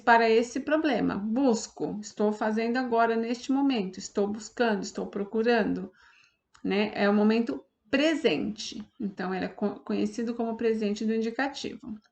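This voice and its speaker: A woman teacher with a Brazilian Portuguese accent, patiently explaining a lesson step by step and often checking that students follow. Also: a little high. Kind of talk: online class lesson.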